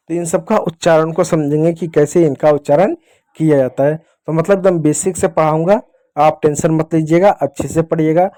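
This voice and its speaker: Male teacher, patient, repeats himself, talks to learners as children, slightly high voice, mellow. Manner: patient, addresses viewers as children, repeats key points. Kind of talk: beginner Hindi reading lesson. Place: teaching at a board or screen with a pen.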